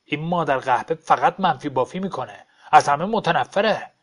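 Here is a nosy middle-aged barfly who won't stop needling the man beside him, as a male reader puts him on. His voice sits fairly high, and he shouts and mocks with a badgering edge. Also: animated. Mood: grumbling. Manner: badgering, loud, mocking. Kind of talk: audiobook story reading.

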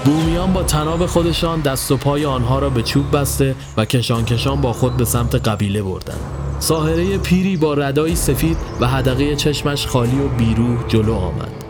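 Man, scripted horror story narration, mid-pitched, steady storytelling voice, faint music behind. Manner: steady storytelling, dropping low for tense moments.

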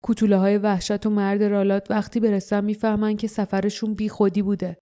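A woman's voice: medium pitch, level tone, mellow, close to an everyday voice. A woman voicing a bitter, gloomy man who speaks in a heavy tone in an audiobook. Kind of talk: audiobook character voice.

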